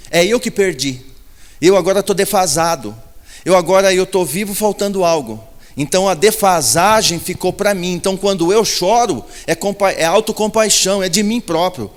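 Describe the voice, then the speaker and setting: High-voiced preacher in an echoing hall. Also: male voice. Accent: Brazilian Portuguese. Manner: repetitive, emphatic preaching with rhetorical questions. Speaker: pastor. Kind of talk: sermon. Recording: long hall reverb.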